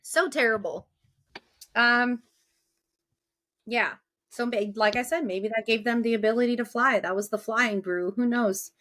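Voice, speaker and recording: Podcast host: young woman, chatty and giggly, slightly high voice. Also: a little slow, pauses often, a bit bright. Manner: giggly, chatty, laughs often. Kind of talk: casual podcast chat.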